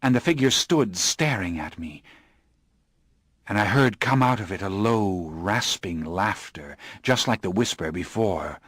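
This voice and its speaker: A man reading an audiobook in scripted narration, hushed and low in the eerie passages and urgent in the action. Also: lively intonation, a little slow, slightly rough, dry recording.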